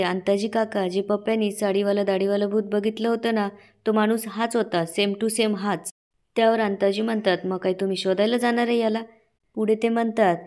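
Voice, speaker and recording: Dark-voiced woman recapping a serial. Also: medium pitch. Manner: reads quoted dialogue with lively emphasis. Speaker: narrator recapping a TV serial episode. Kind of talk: storytelling recap with voiced quotes.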